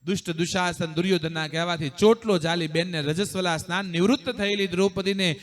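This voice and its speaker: A man's voice: high-pitched, steady tone, fairly quick. A man preaching a devotional sermon to a live gathering, emphatic and speaking directly to listeners. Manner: emphatic, addresses audience directly. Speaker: religious preacher.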